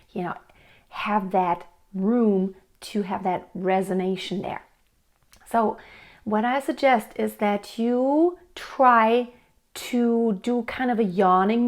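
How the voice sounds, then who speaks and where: In a friendly, patient vocal coaching clip to camera, a woman with a slightly mellow, high-leaning voice explains singing technique. She answers a viewer's question and includes sung demonstrations.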